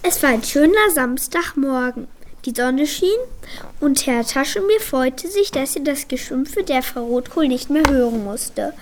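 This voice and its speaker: A woman reading a children's book aloud in a clear, even storytelling manner. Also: high-pitched, measured pace, background noise. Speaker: reader.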